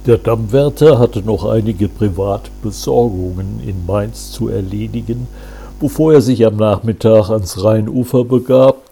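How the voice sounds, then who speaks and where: Slow, gravelly male storyteller. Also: on the low side, slight background noise. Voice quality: gravelly, husky. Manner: calm, measured storytelling. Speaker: narrator. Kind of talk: audiobook reading of a crime novel.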